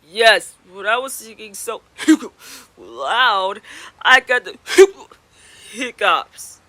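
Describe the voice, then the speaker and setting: A woman's voice: medium pitch, big pitch swings, slow, pushed and bright, no echo, exaggerated voice. A woman voicing a young male singer with hiccups who keeps laughing through his words. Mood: giggly hiccuping.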